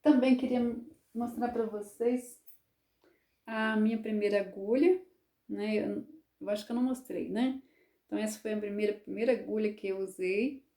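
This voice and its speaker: A woman's voice: mid-range voice, steady tone, moderate pace, mellow. A woman in her fifties chatting casually to camera as a crochet vlogger, homely and full of little tag questions. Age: 50s. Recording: echoey room.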